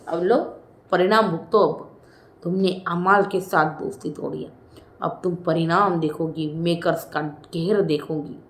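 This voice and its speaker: A woman's voice: medium pitch, reverberant. A woman giving casual, chatty commentary as a reality show reviewer, often saying "bhai" and "hmm".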